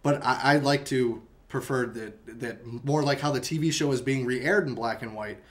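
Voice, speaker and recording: A man's voice: mid-range voice, normal speed. A man hosting a casual podcast chat who rambles and restarts his sentences often. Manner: rambling, hesitant with frequent restarts. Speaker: podcast host.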